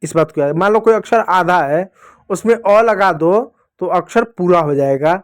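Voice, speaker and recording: Male teacher for small kids, high-pitched, slow repeated sounds, dry room. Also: animated, smooth, dry recording. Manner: slow drawn-out syllables for children to repeat; addresses children fondly, repeating sounds. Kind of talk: children's Hindi lesson.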